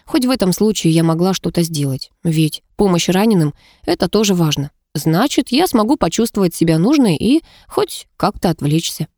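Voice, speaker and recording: A woman reading a first-person fantasy audiobook in a measured, expressive way. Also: fairly low pitch, dry recording, studio quality. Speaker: audiobook narrator.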